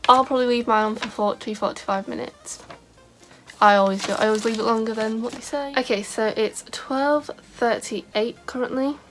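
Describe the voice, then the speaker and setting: Soft music plays behind a young woman who vlogs about beauty in a chatty, rambling way, packing her talk to camera with "like" fillers. Her voice is scratchy today, yet fairly high and fairly bright, and her intonation stays fairly even at a moderate pace.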